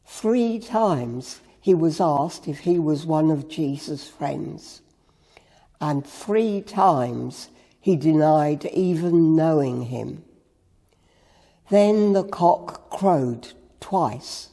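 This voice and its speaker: A church reader giving a Good Friday meditation, with slow, measured storytelling and a long reverb. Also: mid-range voice, animated, warm tone.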